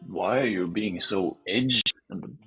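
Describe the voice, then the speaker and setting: A man chatting casually on a livestream, trading slow, teasing banter with the host. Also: fairly low pitch, bright, forceful tone, slightly rough, faint music behind, poor audio.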